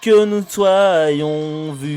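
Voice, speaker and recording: A man singing the part of a stiff, formal gentleman in an absurd play, a comic parody set to a show tune. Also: on the high side, very slow, soft background music, voice pushed down. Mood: mock-solemn. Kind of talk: sung comic parody of theatre lines.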